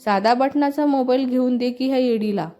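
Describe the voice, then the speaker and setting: A woman's voice: sits high, normal speed, mellow, faint music behind, natural voice. A woman voicing a mischievous young woman who bickers and trades teasing jabs with her sisters, in a read-aloud storybook. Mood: bickering. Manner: quarrelsome teasing.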